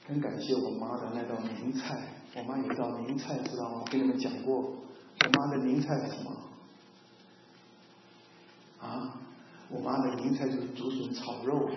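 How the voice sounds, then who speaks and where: A man's voice: mid-range voice, slight background noise. A man in his sixties preaching a sermon in a conversational way, often asking the congregation questions and slipping in English phrases. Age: 60s. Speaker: pastor. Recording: echoey hall, dull sound.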